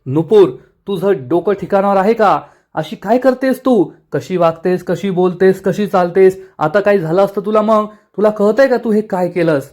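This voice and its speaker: Earnest young boss guy, a man reading him, formal and polite, highish voice. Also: normal speed, a little mellow, lightly acted. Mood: scolding.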